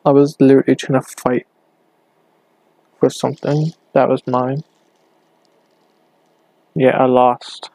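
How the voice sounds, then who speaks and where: Low, gravelly young man rambling quietly. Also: flat delivery, slow pace, pauses often, no room sound. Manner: rambling, hesitant, speaking low. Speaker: podcast host. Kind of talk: casual solo podcast. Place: bedroom at home. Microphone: hand cupped over the mic.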